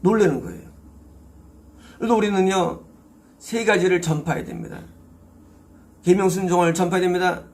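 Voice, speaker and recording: A man's voice: high-pitched, moderate pace, long pauses, darkish tone. A male pastor preaching an expository sermon, emphatic, asking rhetorical questions and answering them himself.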